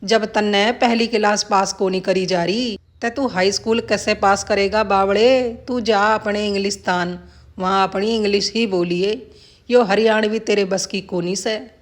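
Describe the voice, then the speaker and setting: A woman's voice: mid-range voice, fairly even intonation, measured pace, close to an everyday voice. A woman voicing a blunt, teasing old village man who talks in rustic dialect.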